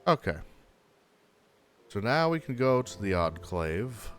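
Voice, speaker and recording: A man's voice: mid-range voice, sing-song, takes it slowly, fairly bright tone, soft background music. A young adult man streaming a game, chatting casually and upbeat, laughing easily as he talks to his viewers. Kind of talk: casual live game commentary.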